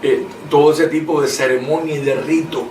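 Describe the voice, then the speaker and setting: A man's voice: a little high, fairly even intonation, darkish tone, far from the mic. Man, preaching in conversation, emphatic, echoey room, faint noise. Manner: emphatic, reads scripture aloud slowly.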